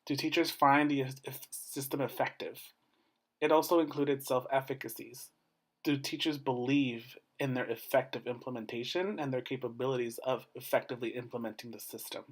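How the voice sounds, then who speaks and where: A man with an average male pitch presents research in a formal, scripted academic manner, like a doctoral student defending a thesis. He works through his points in measured, short phrases.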